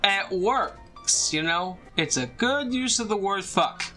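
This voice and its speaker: Man, high voice, bright and sharp, earnest and teasing, casual film review co-host. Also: lively intonation, slow, faint music behind.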